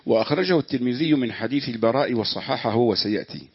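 A man reading a classical religious commentary aloud in measured, formal recitation. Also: breathy edge, no echo. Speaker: student reading the text aloud. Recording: dull dry low-fi recording.

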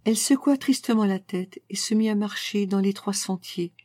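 Female audiobook reader, calm and measured, warm dark tone, dry close recording. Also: mid-range voice, no room sound. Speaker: narrator. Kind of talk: audiobook reading of a classic story.

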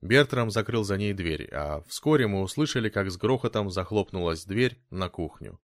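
A man reading a novel aloud as a steady audiobook narrator. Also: on the low side, moderate pace, no echo, studio quality. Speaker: audiobook reader. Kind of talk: scripted narration.

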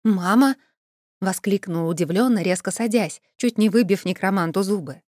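A woman narrating a first-person fantasy audiobook in a lively, expressive storytelling manner. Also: mid-range voice, normal speed, no echo, clean studio sound. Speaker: audiobook reader.

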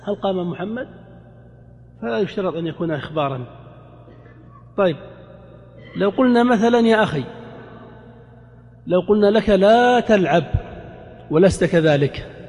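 A male grammar teacher with a high voice runs a classroom lesson. He keeps asking his students questions and then answers them himself, and he slows down to repeat each example. A long reverb from the lecture hall trails after his words. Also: darkish tone. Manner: repeats examples slowly for emphasis.

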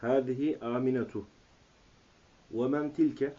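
A man reading aloud and translating haltingly, word by word, as a language student, recorded on an old worn cassette. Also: medium pitch, steady tone, dark tone. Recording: muffled old cassette tape.

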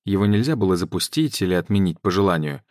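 A man narrating an audiobook in an even, measured reading. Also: low voice, no echo, studio quality. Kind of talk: scripted narration.

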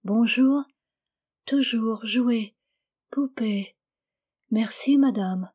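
A woman voicing a fragile little girl. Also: on the high side. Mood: dreamy. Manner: slow, hushed, dreamy.

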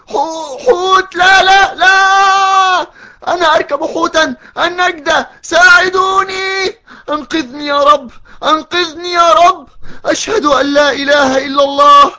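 A man's voice: on the high side, animated, a little fast. A man playing a timid, curious young boy who stammers when scared, in a children's audio drama. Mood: panicked.

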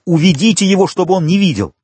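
A man's voice: mid-range voice, sing-song, moderate pace, darkish tone, slightly rough, dry recording. A man voicing a frantic, grief-stricken middle-aged prosecutor who cries out in panic. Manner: crying out in panic, then dazed whispering.

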